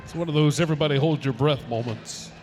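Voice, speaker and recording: A man calls a rodeo live with a fairly high voice, swelling to shouts as each run unfolds. Between runs he reads out sponsors and event notices in a steady announcer's cadence. Faint music plays behind him. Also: fast talker.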